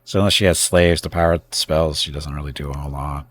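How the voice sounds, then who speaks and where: A man thinking aloud as he plays a strategy game on a live stream, halting and correcting himself as he goes. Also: extremely low pitch, fairly even intonation, fairly bright tone. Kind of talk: casual gameplay commentary.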